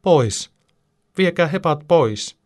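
A man's voice: lively intonation, a little mellow, close to an everyday voice. A man voicing a small frightened girl who wails in panic. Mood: panicked wailing. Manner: high wailing shrieks.

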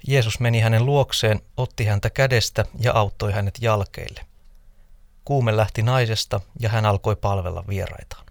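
A man's voice: on the low side, no room sound. Man reading scripture aloud, dry and close. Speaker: scripture reader.

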